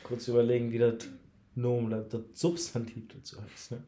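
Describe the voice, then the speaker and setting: A young man co-hosting a podcast in casual chat, joking and slangy, with hesitant pauses. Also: medium pitch, monotone, warm tone, slight background noise. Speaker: podcast co-host. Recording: echoey room.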